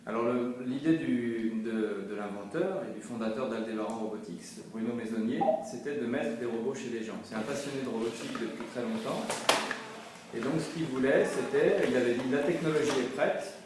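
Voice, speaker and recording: A man with a mid-range voice, speaking at normal speed, explains things in an interview as a company representative, hesitantly repeating words while hunting for phrasing. The distant mic picks him up in a very echoey room with faint noise.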